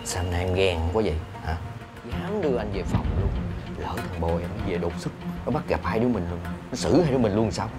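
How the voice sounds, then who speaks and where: Guy doing a really deep coaxing boyfriend, loud music over it. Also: sing-song, brisk. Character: nervous young lover. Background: loud background music.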